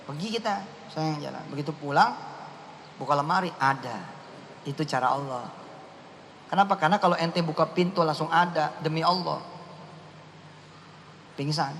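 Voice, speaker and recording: A man's voice: fairly high pitch, normal speed, gravelly, pauses often, a bit bright. A male preacher, giving a playful, teasing sermon in slang, recorded in a hall. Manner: playful, teasing, mixes slang and Quran recitation. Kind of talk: joking sermon. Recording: echoey hall, faint hiss.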